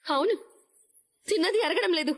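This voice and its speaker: An actress playing a wronged, defiant young daughter-in-law in a TV serial, speaking with indignation. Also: female voice, very high-pitched, animated, normal speed. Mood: indignant. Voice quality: indignant, pleading. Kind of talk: TV serial acting.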